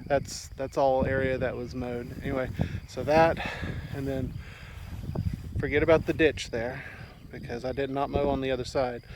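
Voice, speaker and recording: A homesteading vlogger strolls around his rural land, giving a rambling, laid-back walking tour while slightly out of breath. His voice is medium in pitch with a flat delivery at a normal pace, and there's background noise.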